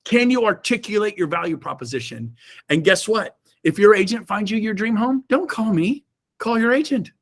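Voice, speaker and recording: A middle-aged man giving a fired-up motivational talk to his real estate team over a video call. He is emphatic and swings from shouts to low asides. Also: animated, moderate pace. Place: indoors, own room on a Zoom call.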